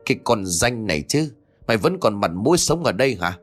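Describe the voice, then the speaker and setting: A man's voice: lowish voice, big pitch swings, brisk, faint music behind. A man voicing a fierce older mother-in-law who scolds harshly, in a spoken ghost story. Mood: furious scolding.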